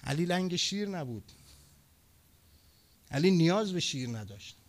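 A man preaching a mourning sermon, telling stories to the congregation and swinging between loud exclamation and hushed lament. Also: a little high, very animated. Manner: addresses the congregation directly.

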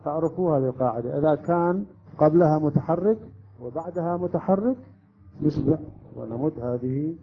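A man's voice: on the high side, brisk. Man teaching, quizzing his class. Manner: explains step by step, quizzing students often. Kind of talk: classroom lesson on Quran recitation rules. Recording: dull lo-fi recording.

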